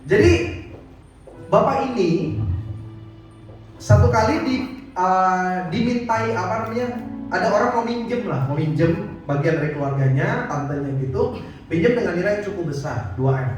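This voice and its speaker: A male pastor preaching a sermon in a relaxed, storytelling way at a church service. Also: sits high, normal speed, pauses often. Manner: conversational storytelling, casual slang. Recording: echoey church hall, distant mic, music behind.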